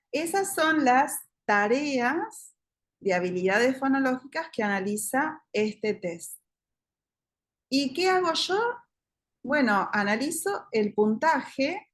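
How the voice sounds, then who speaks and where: A woman leads a training lecture for teachers, speaking as a speech therapist. She lays out each task in an explanatory way and checks in with her listeners as she goes. When she gives an example word, she slows down and stretches it out. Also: fairly high pitch. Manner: explanatory, checks in with listeners with a quick question tag; stretches out sample words slowly when demonstrating.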